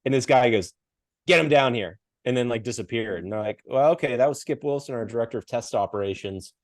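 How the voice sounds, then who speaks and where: A man's voice: medium pitch, quick pace, darkish tone, dry recording, studio quality. A middle-aged man from Western Pennsylvania telling a story in a casual interview, acting out the people he quotes and laughing often. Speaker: podcast guest, coach and speaker.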